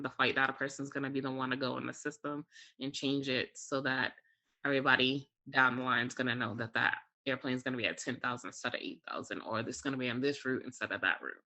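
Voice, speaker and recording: As a casual interview guest, this air traffic controller is a fast talker with a bright, forceful but flat mid-range voice. He lays out explanations step by step with examples, sprinkling in "you know" and "like."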